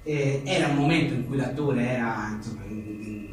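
The speaker, a journalist and author, talks at a moderate pace in a medium-pitched voice during a casual live interview about his book. He's rambling, jokey, and self-deprecating. The indoor venue is very echoey, captured by a distant mic with faint noise.

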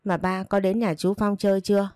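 A woman's voice: medium pitch, little pitch movement, fairly quick, dark tone, no room sound, studio quality, natural voice. A woman reading a curious shy young woman.

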